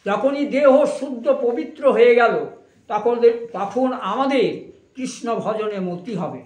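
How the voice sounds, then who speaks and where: A man giving a devotional sermon, explaining slowly and breaking into sung verse lines. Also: extremely high pitch, echoey room. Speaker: kirtan and katha preacher.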